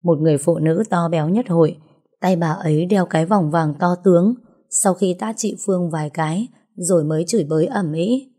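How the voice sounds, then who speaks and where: A woman narrating an audiobook story with a measured, dramatic storytelling manner. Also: fairly low pitch, breathy edge. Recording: soft music under the reading.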